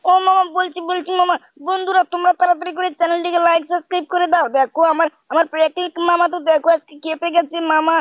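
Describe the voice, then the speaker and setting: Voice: very high voice, flat delivery, fast talker, few pauses, dry recording, voice pushed up. A gamer voicing a whiny little cartoon boy nephew who pleads with his uncle in every sentence. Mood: eager. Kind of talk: cartoon voice over gameplay.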